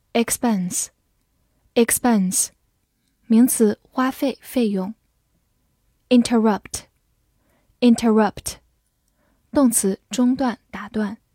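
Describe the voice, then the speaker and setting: A woman teaching English vocabulary, saying each word twice and then listing its meanings in a measured, drilling way. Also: fairly high pitch, warm tone, dry recording, studio quality.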